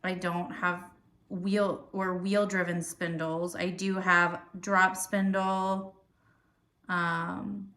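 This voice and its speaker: A woman's voice: lowish voice, flat delivery, very slow, sharp tone. A woman hosting a podcast in casual chat, rambling with lots of fillers and restarts. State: hiccuping. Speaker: podcast host. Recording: roomy echo.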